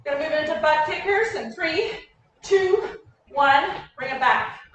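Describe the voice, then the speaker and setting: A woman coaching a workout, giving energetic, encouraging and directive short cues and countdowns. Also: high voice, unhurried, lo-fi sound. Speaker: fitness coach leading a warm-up. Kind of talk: group workout instruction, clipped cues and countdowns. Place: echoey indoor room, heard from a distance. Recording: very echoey room, distant mic, faint noise.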